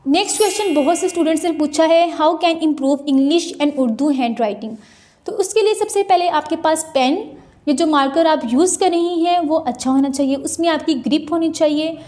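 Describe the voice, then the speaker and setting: Young woman vlogger, twenties, high-pitched, chatty Q&A delivery, phone-recorded. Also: normal speed, warm tone. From Pakistan. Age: 20s. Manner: chatty, answers viewer questions one by one with practical advice. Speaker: student vlogger. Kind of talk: casual Q&A vlog. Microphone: mobile phone.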